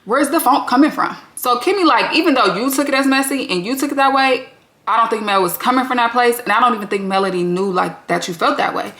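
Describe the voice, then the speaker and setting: A woman hosting a reality TV recap, talking bluntly and with plenty of profanity in an animated, candid way. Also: on the high side, quick pace. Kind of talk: candid vlog commentary. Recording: roomy echo.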